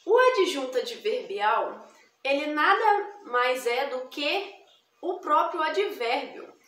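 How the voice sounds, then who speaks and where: High-voiced Brazilian woman teaching grammar. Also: lively intonation, takes it slowly, fairly bright tone. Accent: Brazilian Portuguese. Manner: tag questions, frequent hesitations. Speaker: Portuguese teacher. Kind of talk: explaining grammar to camera. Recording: roomy, echoey, distant from mic.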